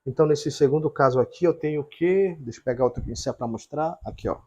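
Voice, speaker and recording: Man, husky voice, whiteboard lesson, step-by-step explaining. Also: on the high side, fast, dark tone. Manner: explains step by step with frequent check-ins. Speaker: teacher.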